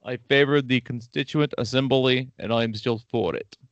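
A man's voice: mid-range voice, fairly even intonation, brisk, dry recording, lo-fi sound, lightly acted. A man putting on a silly exaggerated foreign accent to voice a defiant female revolutionary prisoner reading her statement.

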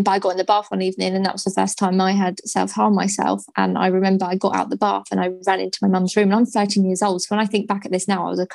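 A young woman in her twenties, speaking as a podcast guest about her own life. Her voice has a gravelly, fry-edged grain and stays level in pitch, moving slowly and hesitantly with frequent ums. The sound is close and dry, with no room around it. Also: darkish tone, no room sound. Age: 20s. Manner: slow, hesitant, with many ums. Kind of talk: candid personal story in a podcast interview.

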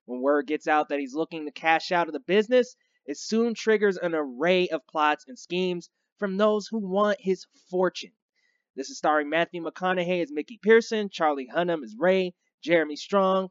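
Man, review show host, fairly high voice, relaxed, dry muffled lo-fi sound. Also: clear, resonant tone, no echo. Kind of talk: casual movie review chat.

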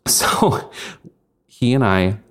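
A man's voice: lowish voice, very slow. A young man hosting a podcast, telling a long story in casual chat with lots of "like" and swearing. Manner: rambling, frequent likes and swearing. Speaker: podcast host.

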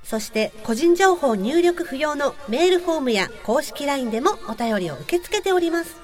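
A woman's voice: sits high, very animated, brisk, soft background music. A woman co-hosting a podcast, giving show announcements in polite phrasing. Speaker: podcast co-host.

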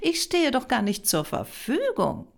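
A woman's voice: high voice, wildly swooping pitch, a little slow, creaky, voice pushed up, exaggerated voice. A woman reading a German story voices a glamorous older woman with a theatrical, exclaiming manner. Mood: feigned surprise.

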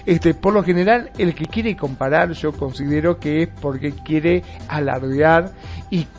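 A man co-hosting a casual talk show, telling a joke in a lively way. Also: a little high, measured pace, faint music behind. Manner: animated storyteller who acts out voices. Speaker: co-host.

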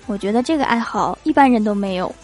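A young woman telling comic stories about awkward chats in an amused, animated way. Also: medium pitch, quick pace, a faint crowd. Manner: animated, amused read-out of chat jokes. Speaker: storyteller. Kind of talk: comic storytelling.

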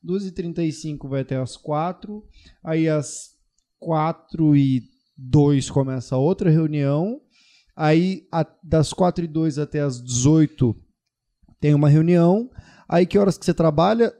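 Brief: young guy, mellow tone, pitched slightly up, slangy, animated co-host. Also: unhurried. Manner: slangy, swears freely, animated storytelling. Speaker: podcast co-host. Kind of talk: casual chat.

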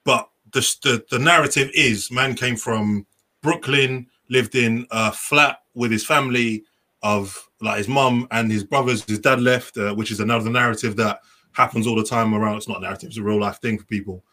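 A man's voice: medium pitch, fairly even intonation, moderate pace, pushed and bright. A man with a London roadman accent and slangy street talk, hosting a casual group chat. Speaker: podcast host.

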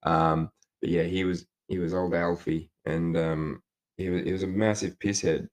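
A young Australian man with a notably deep, low voice rambles through casual stories as a podcast co-host. He swears freely and drifts from one tangent to the next. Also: little pitch movement, normal speed. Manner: loose, rambling storyteller who swears and puts on voices for quotes. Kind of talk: casual chat.

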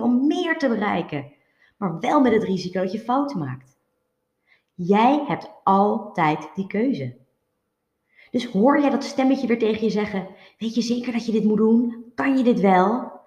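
A woman talks through a motivational monologue in an earnest coaching tone, her pitch rising and falling in lively swings. She slips English buzzwords into her sentences. The sound is roomy and a bit dull. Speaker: self-development speaker. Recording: roomy, slightly dull recording.

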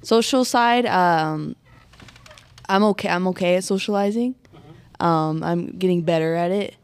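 A young woman from Colorado, a student wrestler, answering interview questions hesitantly with many pauses. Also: fairly low pitch, clean tone. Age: young adult. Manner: hesitant, thoughtful, many ums.

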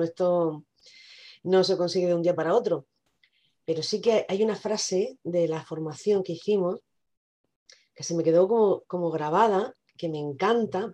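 Woman, low mellow voice, reflective and measured, casual discussion.

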